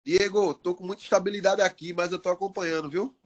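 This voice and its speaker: A man calling into a meeting over a crackly, cutting-out phone line, loudly repeating himself to be heard. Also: sits high, fairly even intonation, quick pace. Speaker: council member. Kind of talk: remote meeting vote.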